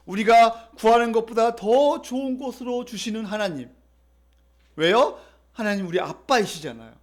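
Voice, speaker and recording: A man preaching as a pastor, leading the congregation through reading and repeating scripture. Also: very high-pitched. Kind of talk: sermon.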